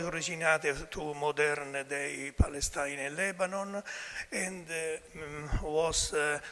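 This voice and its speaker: An older man with a weak, low-volume voice gives an academic presentation in halting English. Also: fairly bright tone. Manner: halting delivery in non-native English. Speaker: conference speaker, professor. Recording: hall reverb.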